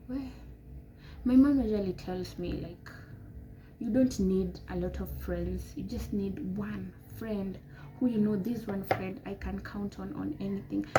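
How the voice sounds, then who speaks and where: Rambling young woman, noisy background. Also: mid-range voice. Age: 20s. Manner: rambling, emphatic, pep-talk tone. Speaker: vlogger giving advice. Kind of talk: casual advice talk to camera.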